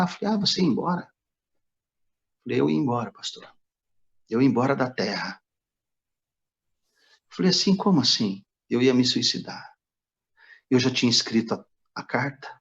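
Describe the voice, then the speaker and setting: Pastor, male, gravelly, storytelling testimony, quotes dialogue himself, muffled lo-fi sound. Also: mid-range voice. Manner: narrates dialogue, quoting others in his own voice. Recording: dull lo-fi recording.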